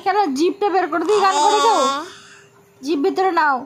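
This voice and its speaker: A woman with a West Bengal Bengali accent, coaxing a small child at home in drawn-out, sing-song baby talk. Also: very high voice, heavy background noise. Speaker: village vlogger. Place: home indoors during heavy rain.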